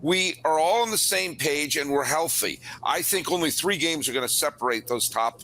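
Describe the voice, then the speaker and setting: A man hosting a podcast panel, rambling and excitable, with a voice that is going hoarse. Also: fairly high pitch, moderate pace, slight background noise, low-quality recording. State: losing his voice. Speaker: podcast host.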